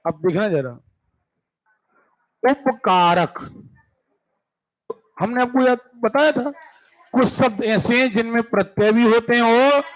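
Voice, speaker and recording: Slow, high-voiced male teacher. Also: low-quality recording. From India. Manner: drills word lists, checks understanding with students. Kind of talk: classroom grammar lesson. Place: classroom.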